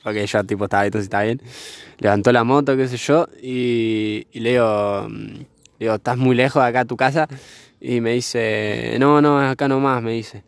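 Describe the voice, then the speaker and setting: A man's voice: medium pitch, fairly even intonation, normal speed, creaky, dry recording. Slangy young guy telling a story. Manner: rambling, slangy, swears freely, laughs often. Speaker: vlogger. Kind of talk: casual storytelling chat. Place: outdoors by a fire.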